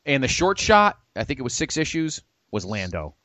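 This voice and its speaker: A man hosts a casual podcast chat, enthusiastically plugging comics and shows, his medium-pitched voice swinging up and down with lively energy. He speaks at a normal speed, and the sound is dry and close, with no echo.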